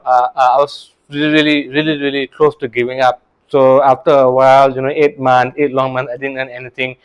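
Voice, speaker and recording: Heard through a low-quality recording, a Singaporean man with a medium-pitched, clean-toned voice tells his story as a real estate coach. He speaks casually and earnestly to camera in a motivational talk, often restarting words and adding "right?".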